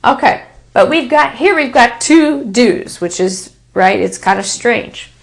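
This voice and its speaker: A woman from Texas with a Texan American accent, teaching English pronunciation in a patient, deliberate manner and repeating example sentences. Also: fairly high pitch, lively intonation, gravelly. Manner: repeats example sentences slowly, stressing key words. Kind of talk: slow, deliberate spoken English lesson.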